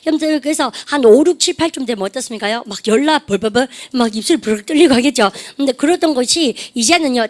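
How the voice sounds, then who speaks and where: A woman English teacher giving a lively classroom vocabulary lecture, drawing students into call-and-response and addressing them over and over. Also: sits high. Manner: coaxing, call-and-response, repeats "여러분들" constantly.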